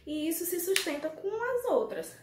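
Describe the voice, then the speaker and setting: A woman's voice: very high-pitched, lively intonation, normal speed. A Brazilian woman teaching a remote primary school class, speaking affectionately and asking the pupils questions. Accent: Brazilian Portuguese. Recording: echoey room, faint noise.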